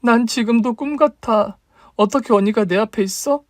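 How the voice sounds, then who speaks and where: A man's voice: extremely high pitch, moderate pace, dry recording, clean studio sound, pitched above the performer's own voice. A man voicing a hurt young woman, the younger sister and a new mother, in a radio drama reading, talking with earnest, wounded questions.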